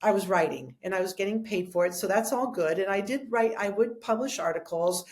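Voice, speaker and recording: A woman's voice: medium pitch, fairly quick, a little mellow. A middle-aged woman, a guest on an interview show, telling her story in a rambling, heartfelt way, full of restarts. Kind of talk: conversational storytelling.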